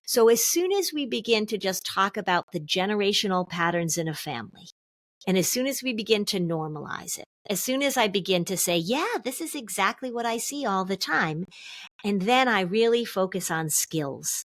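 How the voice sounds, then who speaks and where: A middle-aged woman therapist, a guest on a podcast, explaining in an animated way and acting out what her clients say. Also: medium pitch, normal speed, no room sound. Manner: animated, acts out quotes from clients. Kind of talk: podcast interview.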